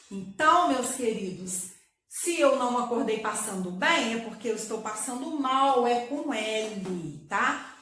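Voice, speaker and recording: A woman teacher talks warmly to young pupils, calling them her loves and checking in often. Her voice sits high, and the room rings with heavy echo. A faint hiss of noise runs under the recording. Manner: affectionate, talks to pupils as "my loves", frequent tag questions. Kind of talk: recorded online class.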